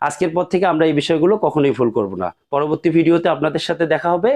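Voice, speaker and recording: A man's voice: fairly high pitch, rapid-fire, a little mellow. A man teaching English pronunciation rules, speaking carefully and repeating each example word. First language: Bengali.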